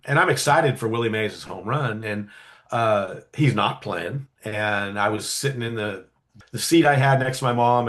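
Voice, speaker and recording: Chatty man telling a childhood story. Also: medium pitch. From California, USA. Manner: animated, acts out quoted voices, frequent fillers. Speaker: guest storyteller. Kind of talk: casual storytelling interview.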